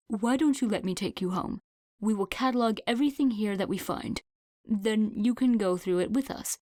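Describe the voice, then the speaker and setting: Woman reading protective man, measured, careful, soothing, mid pitch, dry booth. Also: darkish tone, dry recording, lightly acted. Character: calm, protective man, police officer type.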